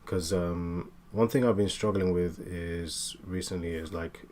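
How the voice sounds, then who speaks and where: A man in his late twenties chatting casually while he draws, talking in halting bursts with many fillers and restarts. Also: deep voice, fairly even intonation, darkish tone, slight background noise. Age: 20s. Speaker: art streamer. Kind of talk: casual chat while drawing.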